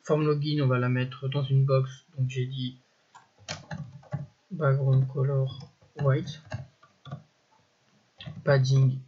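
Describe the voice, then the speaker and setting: A man giving a casual, think-aloud coding walkthrough over a screen recording, often pausing to correct himself and filling gaps with little interjections. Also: mid-range voice, flat delivery, warm tone, husky, lo-fi sound. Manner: thinks aloud, peppered with "voilà" and "hop"; self-correcting, halting phrasing. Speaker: coding tutorial instructor.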